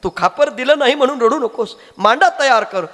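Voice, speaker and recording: A man's voice: very high voice, expressive, a little fast, a bit bright, voice pushed up. A man voicing an anguished loving elder brother. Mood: tender. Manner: crying out, urgent. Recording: echoey hall with faint music.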